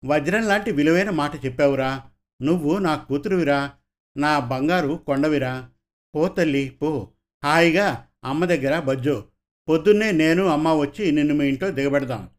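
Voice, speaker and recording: A man voicing a gentle, reflective aging father who talks fondly to his daughter. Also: a little high, normal speed, natural voice. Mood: affectionate. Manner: warm, storytelling to his daughter.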